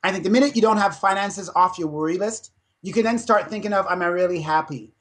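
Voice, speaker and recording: Man, 50s, high voice, energetic storyteller, podcast guest. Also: fast talker. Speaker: dentist and fitness speaker. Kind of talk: podcast interview.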